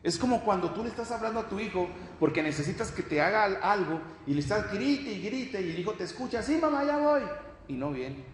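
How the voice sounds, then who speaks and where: A man's voice: high voice, animated, quick pace, few pauses. A man preaching a sermon as pastor, emphatic and calling out "hermano" to his listeners. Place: church hall. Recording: echoey church hall, faint noise.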